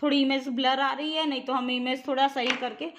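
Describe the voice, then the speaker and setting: A woman with a high voice teaches a grammar lesson for exam prep. She asks the viewer questions and says each point twice. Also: little pitch movement, a little fast, background noise. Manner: repeats points and quizzes the viewer.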